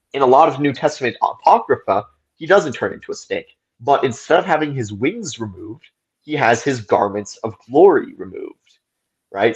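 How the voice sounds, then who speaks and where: A man's voice: lowish voice, breathy edge, poor audio. A man on a podcast talking through ideas at length in casual discussion, often checking in with "right?". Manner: thoughtful, explains at length with frequent "right?". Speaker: podcast co-host.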